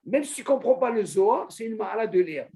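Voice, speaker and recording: A man teaching an informal religious lesson to a small group, animated, asking questions and calling on a student by name. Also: sits high, fairly quick. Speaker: Torah teacher.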